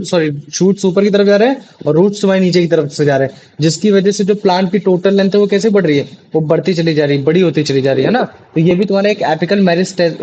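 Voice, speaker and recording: High-voiced young male tutor on a call. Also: darkish tone, slight background noise. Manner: chatty, repeats checking questions. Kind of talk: online class teaching. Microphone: video call. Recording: dull lo-fi online call audio.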